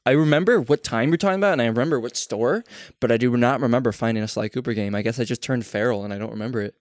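A man's voice: mid-range voice, racing, no echo, studio quality. A young man co-hosting a casual podcast chat, rambling enthusiastically about collectibles and laughing at himself. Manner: rambling, enthusiastic, self-deprecating, laughs often. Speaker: podcast co-host.

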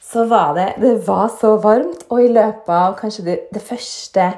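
Chatty woman with a warm, roomy voice. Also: medium pitch. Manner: chatty, frank, often tags lines with "sant?". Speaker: yoga teacher. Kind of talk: casual storytelling monologue. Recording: roomy echo.

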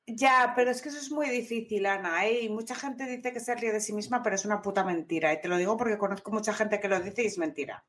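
A woman's voice: medium pitch, fast talker, fairly bright tone. A woman in casual chat, blunt and outspoken, swearing freely and talking over the others.

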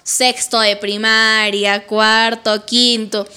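A woman's voice: a little high, slow pace, smooth. A woman, co-hosting a casual chat and telling school stories with frequent laughter. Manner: animated, laughs often while telling anecdotes.

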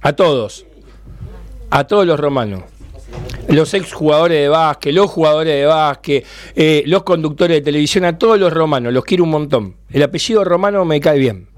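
Excitable Argentine man hosting radio. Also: a little high. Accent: Rioplatense Spanish. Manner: excitable, fast-talking, jokey. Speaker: radio show host. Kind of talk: casual radio banter.

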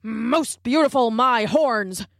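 A woman voicing a gruff, blustering wildebeest in a storybook. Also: a little high, moderate pace, a bit bright, no room sound, studio quality, close to an everyday voice. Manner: grunting, blustering.

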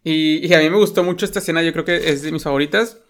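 A man's voice: on the high side, quick pace. A man with a Mexican accent chatting casually about a film, rambling with lots of fillers and tag questions.

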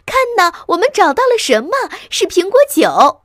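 A woman's voice: sits high, very animated, moderate pace, dry recording, studio quality, voice pushed up. A woman doing an eager little fox cub. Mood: thrilled. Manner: eager and breathless. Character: excitable smallest fox cub, young and eager.

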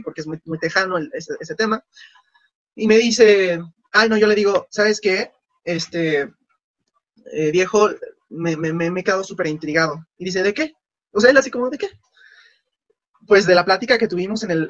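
A man's voice: sits high, no room sound, highs cut off. A man, casually telling stories in an interview and acting out the dialogue. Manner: animated, acts out quoted dialogue. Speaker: guest.

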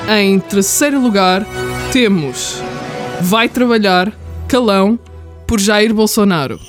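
A woman with a European Portuguese accent formally announcing awards in a scripted, drawn-out way with pauses. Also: medium pitch, over music. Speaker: awards presenter.

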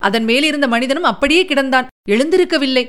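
A woman voicing a fierce, wild female ghoul priestess with a harsh, rough voice, excitedly telling her tale in a storybook reading. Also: high-pitched, a little fast, natural voice.

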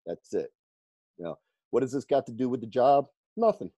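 A man who coaches firefighters on fitness, telling stories in an interview, lively and laughing often as he acts out the people he quotes. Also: medium pitch, fast talker, no echo, dull audio. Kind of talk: storytelling in a conversational interview.

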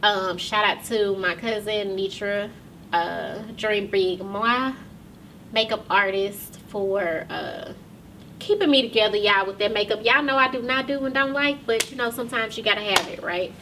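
A woman's voice: mid-range voice, normal speed, pushed and bright, far from the mic, slight background noise. A woman hosting her own podcast and talk show, speaking casually to viewers in a loose, chatty way with many ums, close to tears.

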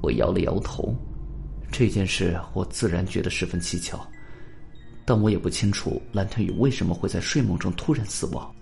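Calm low-voiced male audiobook narrator. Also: creaky. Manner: calm, measured, earnest. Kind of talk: first-person audiobook narration. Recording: faint background music.

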